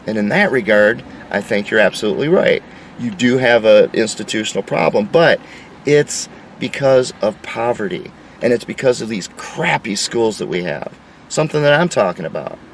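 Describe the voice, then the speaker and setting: A man's voice: fairly low pitch, expressive, normal speed, distant mic, a little hiss or hum, rough recording. A man delivering an insistent, lecturing opinion monologue. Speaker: commentator.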